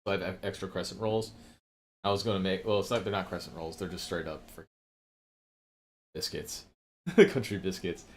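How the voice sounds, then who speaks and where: A man with a somewhat low voice talks loosely on his own livestream from home, drifting from one thought to the next. He swears freely and laughs often as he goes. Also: steady tone, moderate pace, long pauses, slight background noise. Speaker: livestream host. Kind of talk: rambling casual livestream chat.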